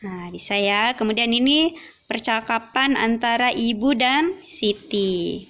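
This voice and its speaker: Young adult woman teacher, patient step-by-step explainer, higher voice, slow delivery. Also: lively intonation, fairly bright tone. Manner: patient, explains step by step, reads example dialogues aloud. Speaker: English teacher. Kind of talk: classroom lesson explanation.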